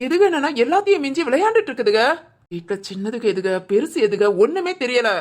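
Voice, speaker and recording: A woman's voice: sits high, sing-song, fast talker, darkish tone. A woman voicing a bossy middle-aged village mother-in-law who scolds and threatens the young couple in a cartoon. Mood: exasperated. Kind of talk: cartoon voice acting.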